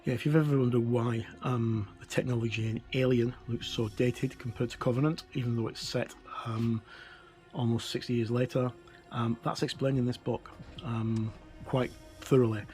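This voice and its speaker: A game reviewer in middle age, his voice mid-range and slightly mellow, offers an informal run-through of a book. He stops and starts, sounding tentative and revising his own words.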